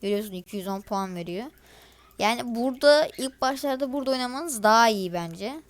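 A teenage girl with a fairly high voice chats her way through a game. She grumbles and sounds exasperated as she speaks straight to her viewers. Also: expressive, quick pace. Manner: chatty, grumbling and exasperated, addresses viewers directly. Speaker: gaming video creator. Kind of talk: casual gameplay commentary.

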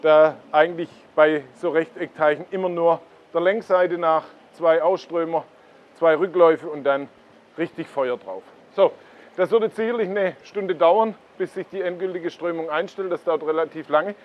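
A man's voice: a little high, moderate pace, dull audio. A man hosts a koi blog, explaining things casually at a pond and pointing them out to the viewer.

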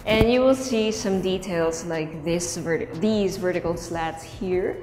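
A young woman with a Filipino accent hosts a casual real estate walkthrough of an empty house, moving indoors and out, chatting and switching languages mid-sentence. Her voice is on the low side and a little slow, with background noise.

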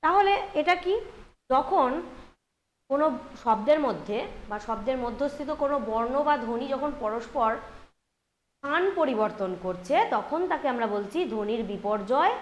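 A woman's voice: on the high side, lively intonation, normal speed, lo-fi sound, slight background noise. A woman teaching a grammar lesson, explaining step by step and checking in with students. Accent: Bengali. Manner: explains step by step, often asks "ঠিক আছে?".

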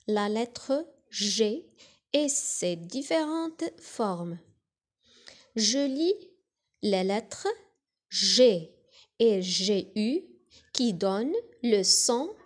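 Very slow, deliberate woman teaching phonics. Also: a little high, lively intonation. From Morocco. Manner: slow, deliberate, spells out letters and syllables one by one. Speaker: primary school teacher. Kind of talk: slow phonics lesson for young children.

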